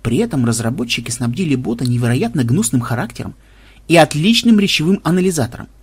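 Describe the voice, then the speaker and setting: A man narrates a humorous adventure audiobook with ironic, expressive delivery. His voice is a touch husky and moves through a wide, lively pitch range. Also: fast talker. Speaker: audiobook reader. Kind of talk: scripted narration.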